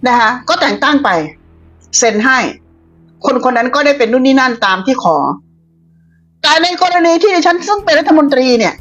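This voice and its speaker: A woman's voice: high-pitched, expressive, moderate pace, fairly bright tone. A woman giving a blunt, combative political commentary monologue, scolding her opponents. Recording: dull lo-fi audio with faint music.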